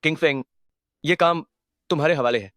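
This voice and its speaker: A man's voice: a little high, fairly quick, a bit bright, no echo, studio quality, natural voice. A man dubbing a young hidden war god who poses as a fool, cold and threatening in one moment and childish in the next. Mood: cold, menacing. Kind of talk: Hindi dub of a drama.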